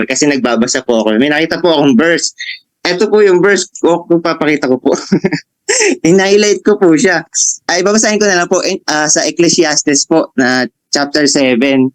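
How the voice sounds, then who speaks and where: A Filipino man sharing an emotional personal testimony from home, excited and laughing, acting out voices in his story. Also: on the high side. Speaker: church member giving a testimony. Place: at home, alone.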